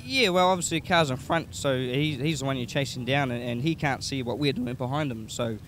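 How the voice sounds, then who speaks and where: A man's voice: medium pitch, fairly quick, fairly bright tone. A man with a broad New Zealand accent, a racing driver chatting casually in a post-race interview. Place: outdoors in speedway pits. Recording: noisy outdoor pits, vehicles behind.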